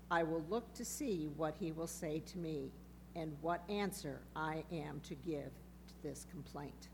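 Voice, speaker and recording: A woman reading scripture at a church service, speaking into a pulpit microphone in a measured, formal way. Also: lowish voice. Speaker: lay reader. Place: church sanctuary. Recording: reverberant church with faint hum.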